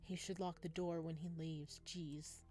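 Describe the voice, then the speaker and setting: Casting: female let's player, slightly low voice, narrates a visual novel and chats casually, music behind. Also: little pitch movement, unhurried, mellow. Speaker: let's play streamer. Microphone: wearing headphones.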